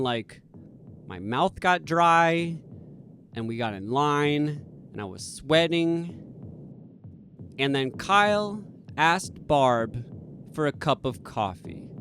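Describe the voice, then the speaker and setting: A man from Boston telling a self-deprecating personal story as a podcast host, animated and emphatic. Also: a little high, slight background noise.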